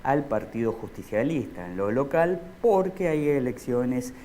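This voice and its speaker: A man's voice: medium pitch, sing-song, unhurried, warm tone, slight background noise. A man with an Argentine accent hosting a political talk show, interviewing a guest in a chatty way and tagging his sentences with "¿no?". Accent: Argentine Spanish. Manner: chatty, frequent "¿no?" tags and "ujú" backchannels. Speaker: radio talk show host.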